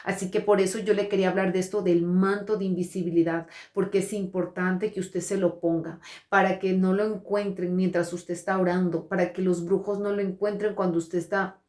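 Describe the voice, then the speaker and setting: A woman's voice: fairly low pitch, level tone, fairly quick, darkish tone. A woman pastor giving an earnest testimony sermon. She often hesitates, restarts and repeats words, and she speaks straight to her listeners. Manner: earnest preaching, addresses listeners directly. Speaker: pastor and prophet. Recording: roomy echo.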